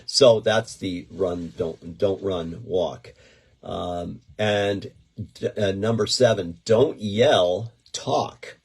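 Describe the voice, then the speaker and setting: A middle-aged man with a very low, husky voice, talking in a loose, rambling way as host of a casual chat show. He circles back and restarts his sentences, keeping an unhurried, easygoing tone throughout. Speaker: podcast host and event promoter.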